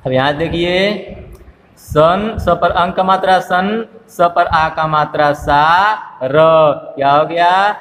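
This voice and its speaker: Man spelling slowly in a reverberant room. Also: fairly high pitch, a bit bright, a little hiss or hum. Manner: slow, drawn-out spelling aloud, syllable by syllable, with repeated questions. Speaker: teacher. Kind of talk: phonics lesson for small children.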